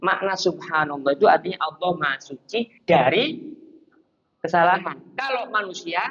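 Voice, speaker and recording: A man giving a lively lecture on Islamic law in a mosque, acting out small scenes. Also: on the high side, moderate pace, dull audio. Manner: animated, acts out little scenes and chants to show intonation. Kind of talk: conversational religious lecture. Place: mosque hall.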